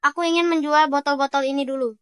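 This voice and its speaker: A woman's voice: high-pitched, steady tone, quick pace, dry recording, clean studio sound, close to an everyday voice. A woman voicing a poor, earnest little boy who collects bottles to find his father. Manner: earnest, determined. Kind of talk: dubbed drama acting.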